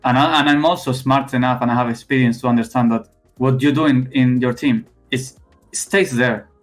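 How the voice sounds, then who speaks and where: A young Spanish man speaks English with a heavy accent, stopping and restarting his sentences as he goes. His pitch sits in an ordinary middle range. Faint music plays quietly in the background. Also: fairly even intonation. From Spain. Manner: halting, many restarts and fillers. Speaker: esports player guest. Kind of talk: casual interview.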